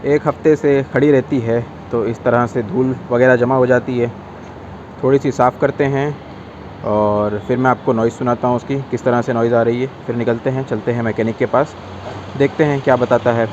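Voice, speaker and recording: Vlogging dad with traffic noise behind. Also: male voice, medium pitch, steady tone, normal speed, muffled recording. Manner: playful, loud and coaxing with his child. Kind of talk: casual vlog talk.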